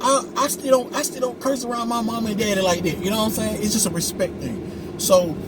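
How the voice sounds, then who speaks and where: A man in his forties ranting casually in a car, animated, profane and emphatic. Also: high-pitched, brisk. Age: 40s. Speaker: vlog co-host. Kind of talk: casual rant. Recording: loud car and road noise.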